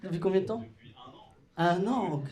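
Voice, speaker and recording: A man's voice: high voice, normal speed. A man doing stand-up comedy in a club, talking in a casual, slangy way and chatting with the crowd. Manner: casual slangy, animated, laughing through punchlines.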